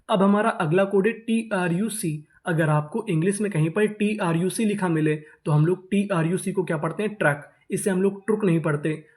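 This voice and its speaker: A man's voice: high-pitched, darkish tone. A man teaching English reading, spelling words out letter by letter and then repeating them. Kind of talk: spelling-out phonics lesson.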